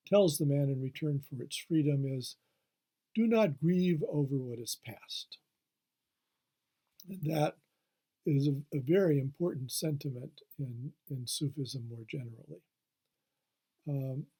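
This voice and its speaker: A man's voice: a little high, warm tone, husky. A man, a history professor, giving a recorded lecture, hesitant with many fillers and restarts.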